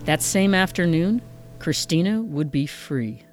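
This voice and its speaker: A woman hosting a podcast, calmly narrating a scripted story. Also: on the low side, measured pace, faint music behind.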